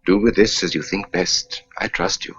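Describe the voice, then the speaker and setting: An actor playing a smooth, condescending con-man psychic in a 1940s film. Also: low-pitched, steady tone, moderate pace, fairly bright tone. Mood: scheming. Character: suave scheming male fake psychic, middle-aged. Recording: dull old 1940s film soundtrack with faint hiss.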